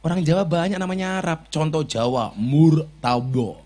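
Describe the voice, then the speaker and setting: A man's voice: mid-range voice, expressive, normal speed. A man with a Javanese accent preaching at a village gathering, joking and teasing the crowd. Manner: jokey, teasing the crowd, switching between Javanese and Indonesian. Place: outdoor village religious gathering.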